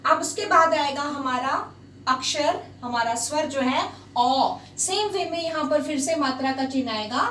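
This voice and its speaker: Slow, patient high-voiced woman teacher. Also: a bit bright. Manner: patient, repeats sounds slowly and switches into English. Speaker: Hindi teacher. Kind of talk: slow spoken language lesson. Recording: echoey room, voice a bit far from the mic, faint hiss.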